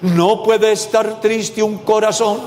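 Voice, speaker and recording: A male pastor preaches to his congregation in a church. His voice sits high and carries a long, ringing reverb from the hall. He jokes and throws questions out to the people as he goes. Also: flat delivery, slow, darkish tone. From Colombia. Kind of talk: sermon.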